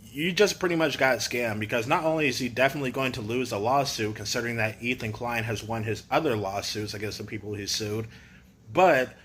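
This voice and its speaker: A man's voice: medium pitch, a bit bright. A man giving a casual, opinionated rant to camera, sarcastic and full of "you know" fillers. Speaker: YouTube commentator.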